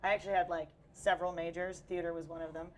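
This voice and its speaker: Speaking fast with a lowish voice and little pitch movement, this young woman with a Texan accent is a cosplayer guest being interviewed in a busy convention hall. She's upbeat and filler-heavy despite losing her voice, and a little hiss or hum can be heard.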